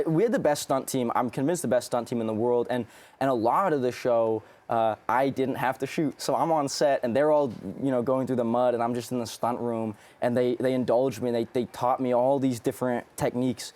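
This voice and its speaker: A man's voice: mid-range voice, steady tone, a little fast, a little mellow. A young man from Canada, an actor guest on a TV interview, talking in an easygoing, rambling, self-deprecating way.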